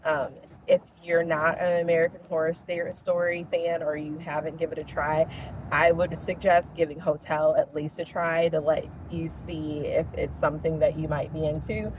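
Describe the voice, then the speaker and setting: A young woman chatting casually as a vlogger, enthusiastic and full of "um" pauses. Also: sits low, flat delivery, background noise. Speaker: vlogger reviewing a TV series. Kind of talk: casual chat.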